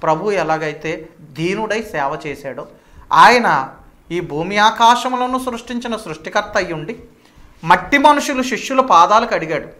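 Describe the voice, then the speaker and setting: A man preaching a sermon as a pastor, fervent, rising to loud declamation as he addresses listeners as children. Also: high voice, expressive, normal speed.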